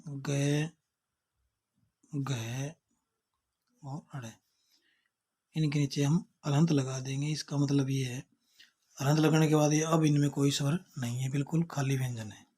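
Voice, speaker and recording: Slow, patient man teaching letters. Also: a little high, level tone, mellow, husky. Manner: patient, repeats and spells out letters one by one. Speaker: Sanskrit teacher. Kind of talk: slow explanatory lesson.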